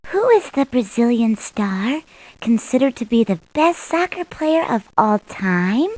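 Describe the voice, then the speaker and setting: Princess Peach, high, lilting game princess. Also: female voice, a little mellow, no echo, rough recording. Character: sweet young cartoon princess from a video game. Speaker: quiz character voice in an educational game. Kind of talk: scripted quiz questions, read out carefully.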